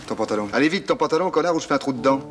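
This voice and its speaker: An actor playing a hardened, gruff ex-con on the run, with a blunt, rough and impatient way of talking, in film dialogue. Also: male voice, medium pitch, animated, very fast, lightly acted. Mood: harsh. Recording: film soundtrack with music under it.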